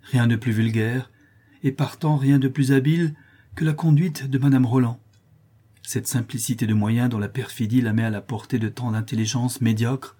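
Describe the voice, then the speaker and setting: A man reading a classic novel aloud in a measured, literary narration. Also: mid-range voice, steady tone, mellow, slightly rough. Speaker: audiobook reader. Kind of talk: scripted narration.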